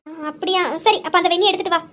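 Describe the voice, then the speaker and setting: Brief: a gentle mother-in-law, voiced by a woman, high and soft. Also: steady tone, rapid-fire. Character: kind caring middle-aged mother-in-law.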